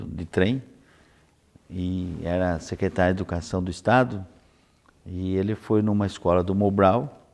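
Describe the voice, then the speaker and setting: A man São hosting an unscripted conversational interview, haltingly repeating words as he searches for phrasing. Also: on the low side, darkish tone. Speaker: interview host.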